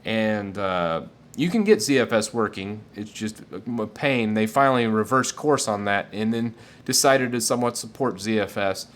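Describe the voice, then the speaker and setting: A man's voice: lowish voice, moderate pace. A man casually answering viewer questions on a live tech stream, enthusiastic and rambling with fillers.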